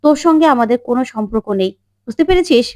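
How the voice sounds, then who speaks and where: A woman's voice: sits high, animated, fast, dark tone. A woman voicing an angry middle-aged mother who disowns her daughter. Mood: furious. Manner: harsh, furious.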